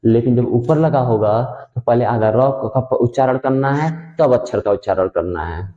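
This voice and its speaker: A man's voice: medium pitch, normal speed, warm tone. Patient man teaching a Hindi lesson. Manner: patient, repeats and checks understanding. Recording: echoey room, dull lo-fi sound.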